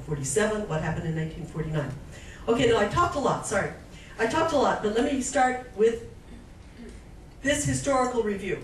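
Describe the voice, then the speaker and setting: Lecturing informally to an audience in an indoor meeting room, an anthropologist serving as guest lecturer explains her material and frequently checks in with listeners using "okay?" and "right?". Her voice is medium in pitch. The recording has room echo, a distant mic and background noise.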